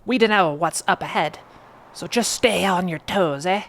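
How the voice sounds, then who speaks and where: A woman's voice: fairly low pitch, normal speed, fairly bright tone. A woman putting on a brash young thief girl. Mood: cocky. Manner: reading game dialogue aloud in a rough mock accent.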